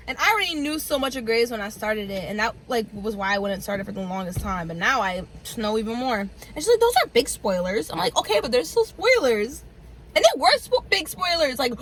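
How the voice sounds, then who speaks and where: A woman's voice: on the high side, a bit bright, a little hiss or hum. A woman in her twenties chatting casually and cutting in, with slangy speech. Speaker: co-host. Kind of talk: casual chat.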